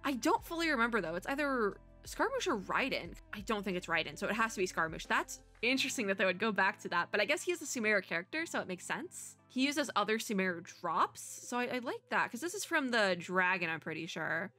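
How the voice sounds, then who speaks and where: With hardly any pauses, a woman hosting a VTuber reaction video rattles through a game reaction at a quick pace in a bright, forward, mid-range voice. Casual, animated and rambling, she thinks aloud while switching between reading and commenting, over background music.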